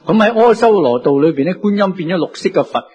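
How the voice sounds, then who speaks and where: A man with a Cantonese accent giving a Buddhist sermon, telling it lively with many drawn-out sentence endings. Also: sits high, husky, lo-fi sound. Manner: lively storytelling with many sentence-final particles. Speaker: Buddhist teacher.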